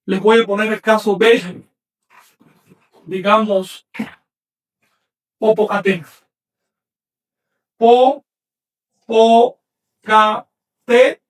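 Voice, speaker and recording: A man teaching an online class, slowly sounding out words syllable by syllable and correcting common mistakes firmly. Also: high voice, flat delivery, far from the mic. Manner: slow, emphatic spelling out of syllables; corrective, insistent.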